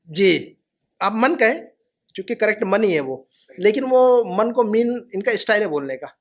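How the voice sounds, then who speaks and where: High-voiced male Arabic teacher. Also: expressive. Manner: patient, repeats phrases slowly for students. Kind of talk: classroom lesson.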